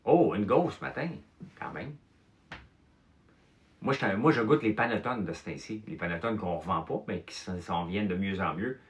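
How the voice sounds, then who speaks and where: A Québécois man in his fifties or older, telling childhood stories in casual chat, animated, with mild swearing and filler words. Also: sits low, moderate pace. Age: 50s or older. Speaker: host.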